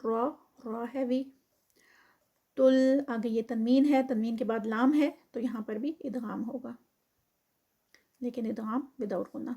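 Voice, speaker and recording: A woman teaching tajweed, who slowly draws out the recited words and then explains each rule at a quicker pace. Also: fairly high pitch, fairly even intonation, dull audio. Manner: slow drawn-out recitation alternating with quick explanation.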